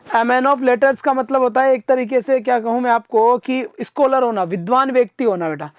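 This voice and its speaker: A man teaching an exam-prep vocabulary class live online, coaxing his students to answer quickly and replying to their comments. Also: very high-pitched, clean tone, no room sound, studio quality. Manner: reads out viewer comments and answers them.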